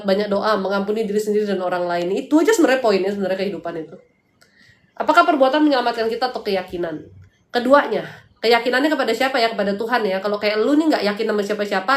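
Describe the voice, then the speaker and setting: A woman from hosting a live spiritual consultation, blunt and chatty, mixing preaching with slangy asides. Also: a little high. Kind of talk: casual livestream talk, answering viewers. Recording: echoey room.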